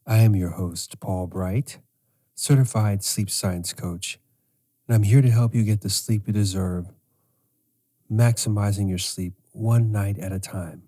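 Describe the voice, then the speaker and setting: A middle-aged man hosting a podcast as a sleep coach, speaking in a slow, measured way. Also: on the low side, warm tone. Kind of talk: scripted podcast monologue.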